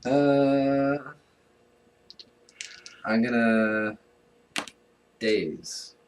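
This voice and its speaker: A man's voice: mid-range voice, steady tone, very slow, recorded from a distance, a little hiss or hum. A man playing a tabletop game who jokes and explains the rules to others. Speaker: player. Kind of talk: casual tabletop play.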